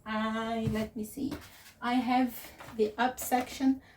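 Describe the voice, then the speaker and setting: A woman who is not a native English speaker, giving a casual, unscripted tour as a vlogger in a hesitant, halting way. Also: fairly high pitch, level tone, a little mellow. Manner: hesitant, halting phrasing with searching pauses. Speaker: craft vlogger and presenter. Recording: distant mic with faint noise.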